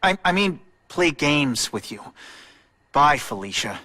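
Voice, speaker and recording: An actor playing a wisecracking young superhero in a video game, with a casual, sarcastic manner. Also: male voice, a little high, very animated, a little slow, noisy background. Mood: annoyed, flustered. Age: young adult. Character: wisecracking young male superhero, earnest and quippy.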